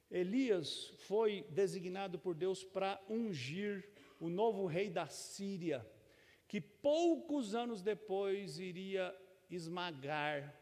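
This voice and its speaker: A middle-aged Brazilian pastor preaches a sermon in a church sanctuary, his voice sitting high and a little mellow. His delivery is folksy and conversational, with touches of humor and frequent tag questions. The recording carries a long church reverb.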